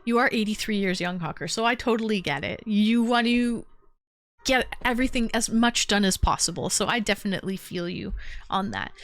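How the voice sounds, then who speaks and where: A young livestream host chats from home at a fairly quick pace in a medium-pitched voice, sounding slightly stuffy from a cold that hasn't cleared. She rambles casually, responding to comments and speaking straight to the people in chat.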